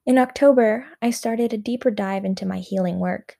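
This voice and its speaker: A woman narrating a personal story in the first person, in a gentle, unhurried way. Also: medium pitch, creaky, no echo, studio quality.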